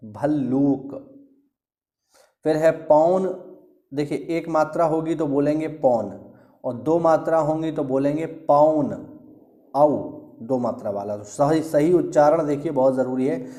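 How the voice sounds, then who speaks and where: A man's voice: a little high, unhurried, warm tone. A man teaching an exam-prep class online. He keeps saying "theek hai" to check understanding and stresses correct pronunciation. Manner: addresses students as friends, stresses correct pronunciation. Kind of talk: online lecture.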